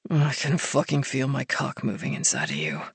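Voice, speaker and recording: A woman narrator voicing an intense, commanding young man in a low, husky, half-whispered murmur with gritted-out commands. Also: measured pace, no echo, full character voice.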